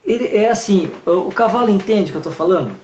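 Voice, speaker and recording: A man's voice: high voice, quick pace, a little hiss or hum. A man, a horse trainer telling stories animatedly in a live-stream conversation. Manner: animated, storytelling with acted-out greetings. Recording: roomy, dull video-call sound.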